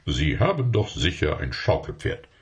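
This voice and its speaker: Ein Mann spricht einen schlauen, überredenden Verkäufer in einer Kindergeschichte, der eifrig um Geschäfte feilscht. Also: male voice, a bass voice, wildly swooping pitch, heavily acted. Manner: wheedling, fast bargaining talk. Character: smooth-talking male salesman, scheming, persuasive.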